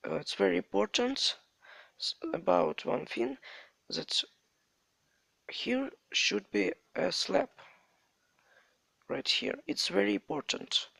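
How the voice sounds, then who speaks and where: A man with a Ukrainian accent narrates a game tutorial step by step, in the halting English of a native Ukrainian speaker who keeps repeating stock phrases. His voice is heavily gravelly and fried, bright and sharp, with wide pitch swings. He talks slowly, and the sound is dry and close with no echo.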